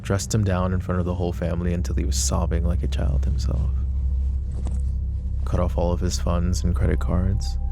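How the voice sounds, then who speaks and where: A man performs an ASMR roleplay drama as a mafia boss who is possessive and protective. He talks in a deep, gravelly voice, low and measured, with a quietly menacing edge.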